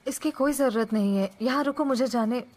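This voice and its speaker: A woman's voice: fairly high pitch, a little fast, darkish tone, natural voice. A woman dubbing a polite young woman who apologizes and asks to leave. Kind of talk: Hindi dub of a TV drama.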